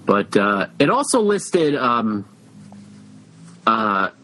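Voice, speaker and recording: A man's voice: lowish voice, big pitch swings, pushed and bright, low-quality recording. A man co-hosting a podcast, chatting casually with lots of fillers and restarts. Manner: halting, many fillers and restarts, laughs often. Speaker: podcast co-host. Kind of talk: casual chat.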